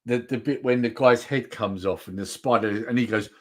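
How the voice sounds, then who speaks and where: A man's voice: medium pitch, moderate pace. A man in casual chat on a comics stream, recounting film scenes with swearing. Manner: animated storytelling with laughs and swearing.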